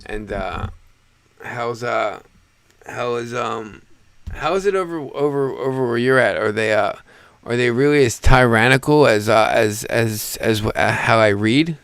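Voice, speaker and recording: A man from the United States hosting a live stream, talking in a relaxed, halting, rambling way about the news. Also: mid-range voice, clean tone, dry recording. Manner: laid-back, halting and rambling. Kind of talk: casual political chat.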